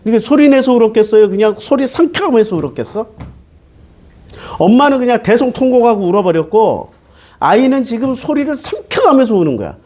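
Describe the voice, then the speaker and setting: A man's voice: extremely high pitch, very animated, a little fast, darkish tone. A man preaching a Bible-teaching sermon as pastor, talking casually and asking his listeners question after question. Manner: conversational, switching between polite and casual speech.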